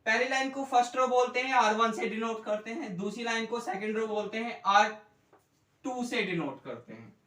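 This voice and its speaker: Slow-explaining male tutor in an echoey room. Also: very high-pitched, pushed and bright. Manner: slow, repetitive, quizzes students with questions. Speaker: economics tutor. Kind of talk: whiteboard math lesson. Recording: echoey room, mic far off.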